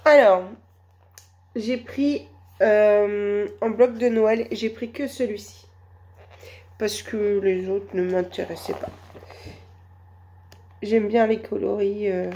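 A woman with a cold and a hoarse voice, chatting slowly and hesitantly through a shopping haul. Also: mid-range voice, steady tone, warm tone, dull audio. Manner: hesitant, many fillers, slow and chatty. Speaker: vlogger. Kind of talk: casual shopping haul vlog.

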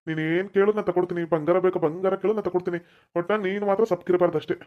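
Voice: medium pitch, rapid-fire, lightly acted. Someone playing a fawning stingy husband. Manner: fawning, flattering. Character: doting middle-aged husband, stingy with his daughter. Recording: dull lo-fi sound.

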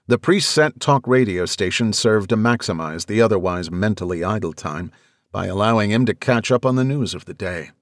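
Low-voiced man narrating an audiobook. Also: no room sound, clean studio sound. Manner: measured, even storytelling.

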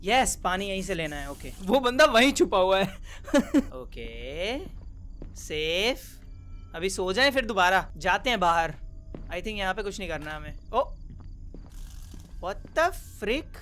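A young man giving joking, excitable commentary while playing a horror game, with loud reactions. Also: sits high, slow, long pauses, faint music behind. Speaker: gaming YouTuber.

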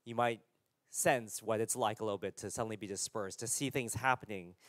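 A man, the church's pastor, preaching a sermon in a casual, halting way with many fillers and restarts. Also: fairly low pitch, no room sound, studio quality.

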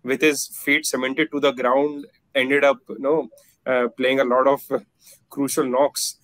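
A man's voice: mid-range voice, flat delivery, measured pace, fairly bright tone, dry recording, low-quality recording. A man in his thirties giving cricket analysis on a video call, with many fillers and restarts. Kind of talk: casual panel discussion. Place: plain indoor room. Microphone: video call webcam.

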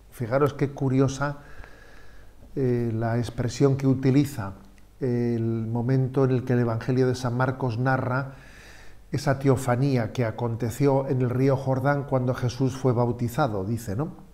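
A bishop gives a catechism lesson in a calm, explanatory way. His voice is mellow and mid-pitched. He drops little "eh" and "¿no?" checks as he goes. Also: measured pace. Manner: explanatory, with frequent "eh" and "¿no?" asides. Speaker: bishop giving catechism talks. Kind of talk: catechetical talk.

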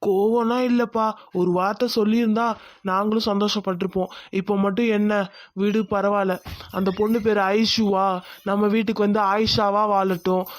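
A man voicing a gentle cartoon father, high-voiced. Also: level tone, moderate pace, close to an everyday voice. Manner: gentle, reassuring. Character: kind, accepting middle-aged father.

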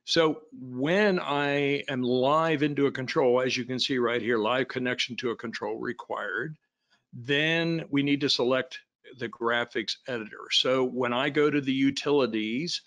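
A man's voice: mid-range voice, unhurried, fairly bright tone. A man giving a technical training walkthrough over slides, in a plain explanatory way with frequent fillers and restarts. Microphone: voice-over on screen recording.

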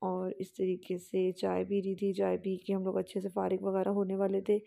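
A young woman talks her viewers through a family outing in a relaxed voice-over. Her delivery rambles along with fillers and small restarts, and her pitch stays mostly level throughout. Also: moderate pace, vocal fry. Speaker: vlogger.

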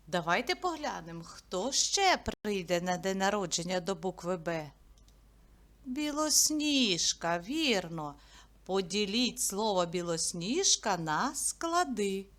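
A woman teaching a literacy lesson who asks simple questions and answers them herself, stretching words slowly and clearly. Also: mid-range voice, big pitch swings, fairly bright tone. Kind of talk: slow, clear classroom lesson narration.

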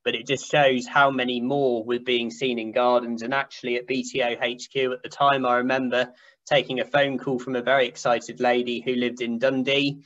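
A man presents survey data to a conference over a video call. He talks at a middling pitch and explains things with enthusiasm. The audio is a little dull and muffled. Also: a bit bright. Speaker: survey team speaker. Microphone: video call webcam.

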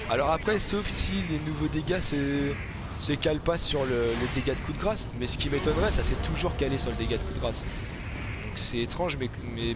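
A man giving casual game commentary as host of a gaming video, chatty, informal and slangy. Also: mid-range voice.

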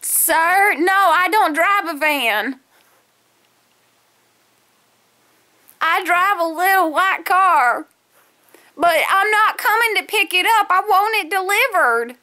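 Woman doing a high, slow-talking old lady on a prank call, rambling and apologetic. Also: expressive, sharp tone, heavily acted. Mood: insistent. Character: confused 87-year-old woman ordering pizza.

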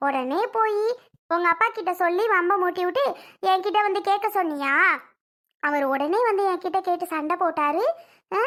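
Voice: extremely high pitch, normal speed, fairly bright tone. A child voicing a resentful, spiteful woman who accuses her brother's wife. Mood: accusing. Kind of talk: homemade family drama.

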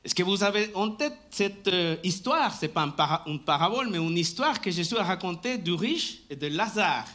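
A man preaching a live sermon in church, slow and emphatic, often restarting his phrases and asking for the next slide. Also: sits high, expressive, bright, forceful tone. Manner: talks to the congregation and asks for the next slide. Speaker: pastor. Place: church sanctuary, indoors.

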